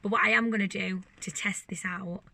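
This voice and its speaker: A woman chats casually to her vlog, hoarse, her voice giving out and slipping into a whisper. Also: mid-range voice, steady tone, fairly quick, pushed and bright. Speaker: vlogger. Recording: noisy handheld phone recording.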